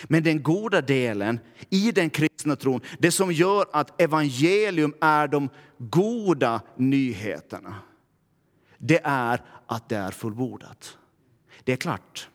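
A man's voice: a little high, expressive, long reverb tail. A man from Närpes with a Finland-Swedish accent, a pastor giving a conversational sermon and often asking his listeners "va?". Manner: conversational preaching, often asks "va?". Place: church.

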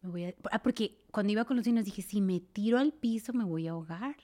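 Mexican woman telling a story in a chat. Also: a little fast. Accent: Mexican Spanish. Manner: drops to a breathy near-whisper at tense moments; animated, acts out quoted voices louder and higher. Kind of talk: casual chat, personal storytelling.

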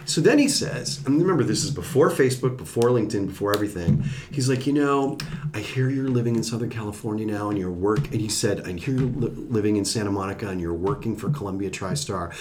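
Man, quick talker, fairly deep voice, animated storyteller, acts out quotes. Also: a little hiss or hum. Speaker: podcast guest, former TV executive. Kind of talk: casual storytelling.

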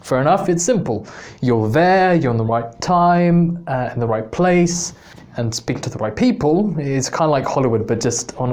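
A man's voice: mid-range voice, darkish tone. Rambling man from England telling a story. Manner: rambling, many restarts, self-mocking laughs. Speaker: podcast host. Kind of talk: casual storytelling.

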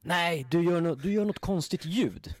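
A man voicing an irritable, bossy male security guard who scolds in a high, agitated voice. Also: no echo, natural voice. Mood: complaining.

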